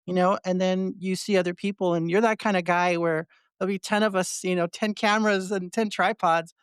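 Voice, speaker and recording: A woman's voice: lowish voice, fairly even intonation, a little fast, clear, resonant tone, dry recording, clean studio sound. A woman hosting a podcast, chatting casually with a guest and rambling through heartfelt thoughts with many restarts. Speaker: podcast host. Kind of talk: casual interview chat.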